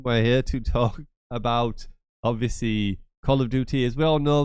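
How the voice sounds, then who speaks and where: Blocked and nasal from a cold, a man hosting a gaming channel chats casually through a screen-share tutorial, repetitive and full of rambling asides. His mid-range voice is clear and resonant, with no room sound.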